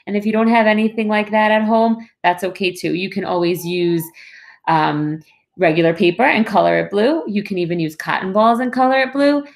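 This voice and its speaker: Woman leading a children's craft, medium pitch. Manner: reassuring, simple explanations addressed to children. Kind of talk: step-by-step craft instruction for children.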